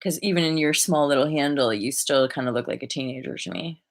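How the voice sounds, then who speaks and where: A woman's voice: rumbling low, a little fast. Chatty woman in her thirties on a webcam. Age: 30s. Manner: animated, gestures a lot, laughs often; chatty, many likes and restarts. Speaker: livestream host. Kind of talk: casual live chat. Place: bedroom indoors. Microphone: webcam at desk distance.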